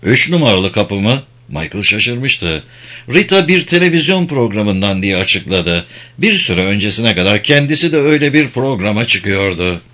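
A man's voice: on the low side, animated, moderate pace, bright, forceful tone. A man reading a novel aloud as narrator, voicing all the dialogue himself. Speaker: audiobook narrator. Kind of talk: scripted narration.

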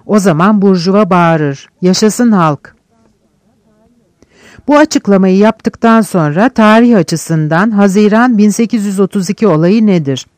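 A man narrating a classic novel as an audiobook, reading in a measured, declamatory way with short phrases. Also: high voice, darkish tone, no room sound. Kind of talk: scripted literary narration.

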